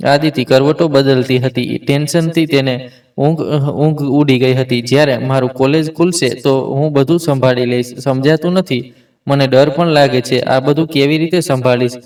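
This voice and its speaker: Storyteller, male, middle pitch, steady read with small slips, voice a little away from the mic. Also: normal speed, recorded from a distance. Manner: reads all parts in one steady voice, with small slips and restarts. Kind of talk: scripted narration of an emotional family story.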